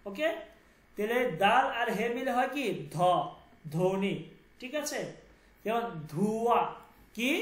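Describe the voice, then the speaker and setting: A man's voice: very high voice, roomy sound. A man teaching a language class, repeating each sound and asking students to confirm.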